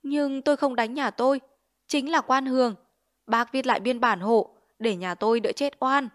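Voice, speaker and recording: A woman's voice: a little high, normal speed, pitched above the performer's own voice, close to an everyday voice. A woman voicing a frightened widowed mother who pleads anxiously in a storybook reading. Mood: pleading.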